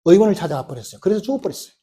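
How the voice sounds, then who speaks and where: A man preaching in a church with a high, husky voice. His tone is dark and mellow. He tells the story with lively questions to the congregation and acts out each quoted line. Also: rapid-fire. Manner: storytelling with rhetorical questions, acting out quoted lines. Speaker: pastor. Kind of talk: sermon. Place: church sanctuary.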